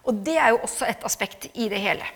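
A middle-aged woman shares a personal testimony from the pulpit, earnest and searching, pausing on fillers before pressing into emphatic points. Her voice sits high with a gravelly edge. Long reverb trails off the hall around her. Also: animated, fairly bright tone. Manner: earnest and reflective, with hesitant fillers and rising emphatic passages. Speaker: speaker giving a church testimony.

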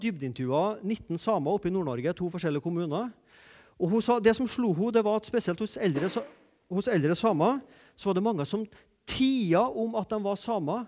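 High-pitched guy preaching, repeats himself for emphasis, gets loud then hushed. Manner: emphatic, repeats key phrases, rises and drops sharply in loudness. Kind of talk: sermon.

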